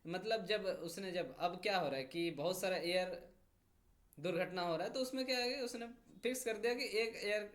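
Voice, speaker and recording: A man teaching an English grammar lesson, explaining step by step, reading example sentences slowly and checking in after each point. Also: sits high, a bit bright.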